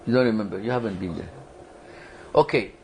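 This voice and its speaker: A man with a fairly low, expressive voice and darkish tone talks briskly, with a little hiss or hum in the background. He gives a religious study lecture to a small group in a community foundation's lecture room, keeping it conversational, quizzing listeners, and often restarting sentences.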